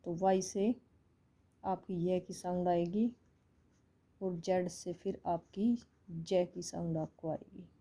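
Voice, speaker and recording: A woman's voice: lowish voice, little pitch movement, slow, pauses often, mellow. A woman with an Indian accent teaching English phonics online, explaining patiently and repeating each sound.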